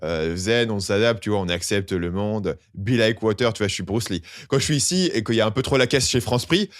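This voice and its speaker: Young male podcast host, quick and animated, low-pitched, dry close mic. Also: no echo. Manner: animated, slangy, acts out quoted complaints. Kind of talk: casual podcast chat.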